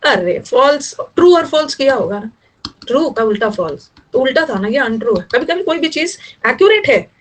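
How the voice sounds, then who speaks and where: A woman's voice: high voice, very animated, moderate pace, rough recording. A young woman teaching English vocabulary in Hindi, explaining word meanings and teasing her students a little. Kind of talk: online vocabulary lesson.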